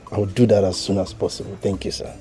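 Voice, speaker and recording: An actor playing a polite, eager young suitor, respectful and grateful. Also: male voice, deep voice, flat delivery, quick pace, dark tone, soft background music, natural voice.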